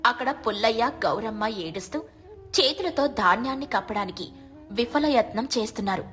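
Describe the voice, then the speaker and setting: A woman's voice: fairly high pitch, moderate pace. Woman narrating a cartoon story. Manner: calm, clear storytelling.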